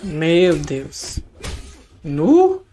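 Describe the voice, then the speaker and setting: A man's voice: on the high side, wildly swooping pitch, drawn-out words, dark tone, a little hiss or hum. A man hosting a casual reaction video, talking in a dramatic, exclamatory and gossipy way. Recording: faint show music behind.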